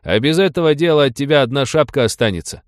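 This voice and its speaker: A man doing a wry, calm peasant cossack. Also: mid-range voice, fast, no echo, pitched above the performer's own voice, close to an everyday voice. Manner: dry, mocking retorts.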